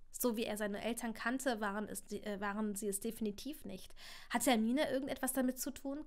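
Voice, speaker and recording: A woman reading a story aloud on a livestream, expressive, with frequent small slips and corrections. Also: fairly high pitch. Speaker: channel host reading aloud.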